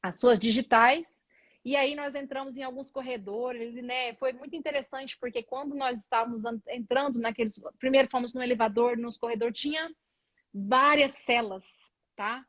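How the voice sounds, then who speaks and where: A Brazilian woman with a slightly high voice and a Brazilian Portuguese accent, recounting her own story as an interview guest. She tells it with feeling and animation, and slips into the voices of the people she quotes. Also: moderate pace. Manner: animated, acts out other people's dialogue. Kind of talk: emotional personal storytelling.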